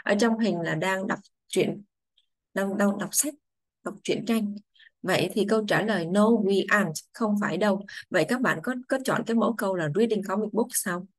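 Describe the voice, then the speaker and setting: A woman English teacher, patiently explaining grammar to children, saying English phrases slowly before translating them. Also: medium pitch, no room sound.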